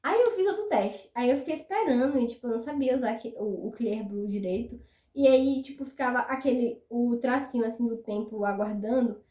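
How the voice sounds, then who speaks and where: High-voiced young woman telling a story in a roomy echo. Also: a little fast. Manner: animated, repeats words for emphasis, addresses viewers as "gente". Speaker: vlogger. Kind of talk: casual storytelling to camera. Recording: roomy echo, mic at a distance.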